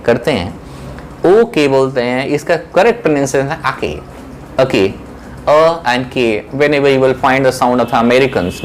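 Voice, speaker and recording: A man teaching spoken English, explaining phrases in Hindi, asking the class questions and repeating each example phrase slowly. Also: mid-range voice, slight background noise.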